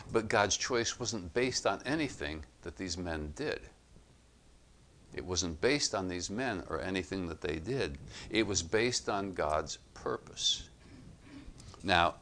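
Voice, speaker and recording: A man giving expository Bible teaching, reading passages aloud and explaining them in a measured, emphatic way. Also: sits low, a bit bright.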